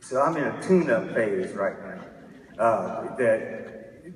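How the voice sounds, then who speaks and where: Heard from afar in a reverberant hall, a keynote speaker from Texas, a man in his fifties, gives a candid talk that pokes fun at himself and keeps restarting sentences. He speaks slowly but animatedly, in a lowish voice.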